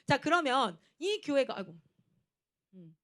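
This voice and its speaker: Young female preacher, fairly high voice, earnest storytelling sermon with acted-out shouting. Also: big pitch swings, measured pace. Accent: Gyeongsang dialect in places. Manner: acts out shouted scenes, then drops to a low earnest tone. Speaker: missionary preacher.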